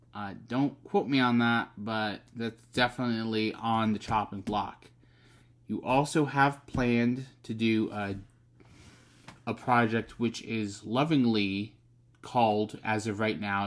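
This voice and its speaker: Soft-spoken man rambling to his future self. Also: mid-range voice. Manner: rambling, soft-spoken, many fillers and restarts. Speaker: novelist. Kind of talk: casual video message to future self.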